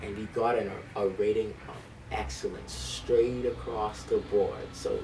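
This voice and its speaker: A man's voice: lowish voice, fairly even intonation, measured pace, recorded from a distance, noisy background. A man who directs a school band, talking eagerly in an interview with lots of ums and restarts. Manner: eager storyteller with frequent um and restarts. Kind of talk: conversational interview. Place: library.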